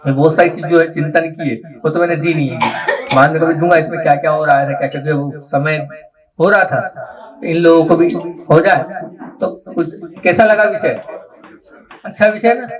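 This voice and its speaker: A man's voice: fairly high pitch, steady tone, moderate pace, a crowd in the background. A man teaching a gathered group, explaining step by step and often checking that his listeners follow. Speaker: teacher of religious recitation. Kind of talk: live teaching talk to a group.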